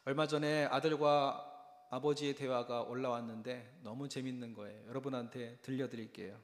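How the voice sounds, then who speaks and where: A male pastor preaches with emphasis and addresses the congregation directly. His mid-pitched voice fills a church sanctuary, and a long hall reverb trails every phrase. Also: steady tone, moderate pace. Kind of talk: sermon.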